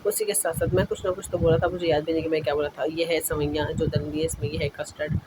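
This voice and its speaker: A man's voice: a little high, flat delivery, fast. A young man narrating his home vlog in a casual voice-over, chatty and rambling, often correcting himself mid-sentence. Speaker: vlogger. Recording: noisy voice-over recording.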